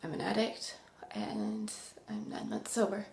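A young woman acting a remorseful recovering addict in a dramatic monologue, halting and full of tragic sorrow. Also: medium pitch, vocal fry, a little mellow, a little hiss or hum. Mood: subdued, ashamed. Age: young adult. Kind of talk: dramatic monologue, naturalistic confession. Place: small indoor room. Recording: roomy echo.

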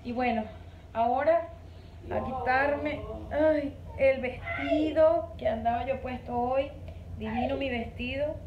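A woman with a high voice talks casually and dramatically to her phone at home, tossing out exclamations. The recording is dull and muffled. A clear hiss of noise runs under her voice. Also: slow. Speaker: vlogger. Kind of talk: casual vlog chat.

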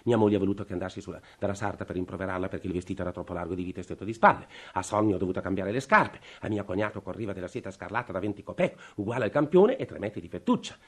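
An actor playing a desperate, worn-out middle-aged state official with a breathless, pleading manner, in 1950s radio drama. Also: male voice, low-pitched, racing, few pauses. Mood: weary complaint. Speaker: worn-out family man begging for a revolver.

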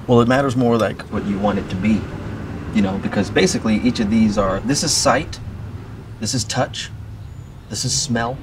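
An actor playing a laid-back new-age boyfriend from Florida who rambles about aliens and the senses. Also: male voice, fairly low pitch, moderate pace, background noise, lightly acted. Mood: dreamy.

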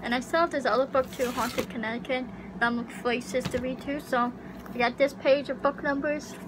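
In a small pink bedroom, a young YouTuber talks briskly into a close webcam. Her voice sits high with fairly even intonation, and her casual vlog chat wanders unsurely, thick with fillers. The home recording picks up the audible hum of the air conditioner.

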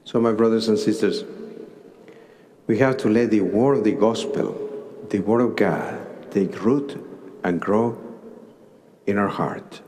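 Older guy with a mexican spanish accent preaching, kinda low voice, super slow, big cathedral echo. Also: darkish tone, slight background noise. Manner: slow, deliberate phrasing in short pauses. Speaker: archbishop preaching a homily. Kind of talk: sermon. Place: large cathedral, at the pulpit. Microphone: pulpit microphone. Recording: long cathedral reverb.

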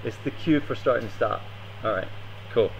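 A man's voice: medium pitch, moderate pace, vocal fry, highs cut off. Man, live coding demo, hesitant, many ums, noisy room, keyboard clicks. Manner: hesitant, thinking aloud with many fillers. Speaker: meetup presenter. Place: meetup room.

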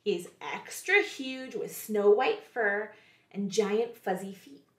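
A woman's voice: mid-range voice, slow pace, roomy sound. A woman, a children's librarian, reading picture books aloud to young kids in a playful way, often asking them questions.

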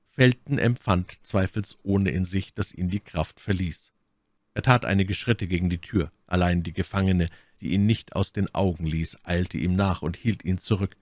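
A man narrating a classic novel as an audiobook in a measured storytelling manner. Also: low voice, darkish tone, no echo. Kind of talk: scripted narration.

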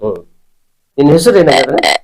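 A man's voice: fairly high pitch, very animated, normal speed, gravelly, husky, rough recording. A man leads a ritual session as a spirit healer. He presses with short commands and questions, repeating them again and again without letting up. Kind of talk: ritual interrogation.

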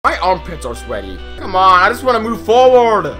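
Excitable gamer recording inside a closet. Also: male voice, high voice, normal speed, soft background music. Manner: excitable, frustrated, talks to viewers. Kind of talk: let's-play commentary.

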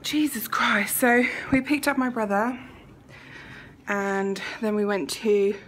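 A woman's voice: medium pitch, takes it slowly, a little hiss or hum, low-quality recording. Chatty young woman vlogging. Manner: chatty, often breathless and half-whispered asides. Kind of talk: casual travel vlog.

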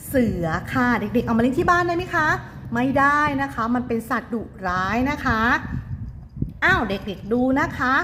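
A woman's voice: a little high, a bit bright, slight background noise. A woman kindergarten teacher giving an online lesson, coaxing young children through words letter by letter in a sweet, patient voice. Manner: sweet coaxing teacher voice, ends phrases with polite "kha", spells letters aloud.

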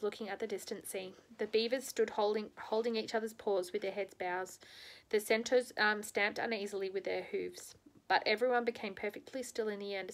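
Woman reader, casual read-aloud of a children's book, stumbles and restarts often. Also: medium pitch. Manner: unpolished, frequent ums and restarts.

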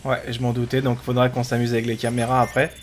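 A man's voice: mid-range voice, completely flat delivery, quick pace, a little hiss or hum. A man hosting a gaming video with casual, chatty commentary, often talking to himself.

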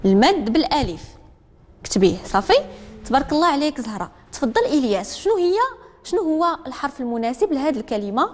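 A woman's voice: high voice, big pitch swings, quick pace, darkish tone. A woman with a Moroccan Arabic accent teaching a literacy class, drilling pupils to repeat after her. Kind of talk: classroom lesson. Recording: echoey classroom with long reverb.

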